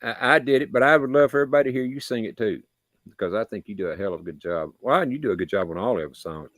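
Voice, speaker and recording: A man with a raspy voice, a guest singer chatting in a folksy, lively way. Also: on the low side, racing, dry recording. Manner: folksy, lively, swears freely. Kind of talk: casual chat.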